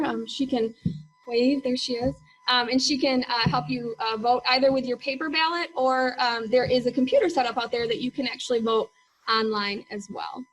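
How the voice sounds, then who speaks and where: A woman's voice: high voice, a bit bright, a little hiss or hum, rough recording. A woman presenting informally at a meeting as its chief executive, hesitating often with ums. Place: meeting room.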